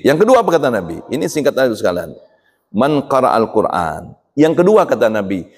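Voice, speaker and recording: A man's voice: fairly low pitch, breathy edge. A middle-aged man preaching a sermon to a congregation, often asking them questions. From Indonesia. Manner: lively, asks the congregation questions. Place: mosque hall. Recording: long hall reverb.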